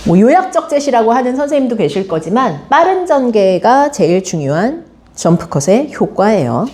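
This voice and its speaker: A woman's voice: on the high side, big pitch swings, moderate pace, darkish tone. A woman teacher giving a classroom literature lecture, quizzing her students with frequent questions. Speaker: high school teacher.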